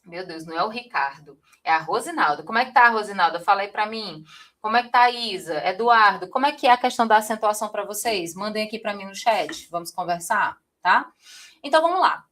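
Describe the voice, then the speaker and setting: Woman teaching a lively online class. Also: medium pitch, fast talker. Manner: lively, addresses viewers directly, frequent "tá?" check-ins.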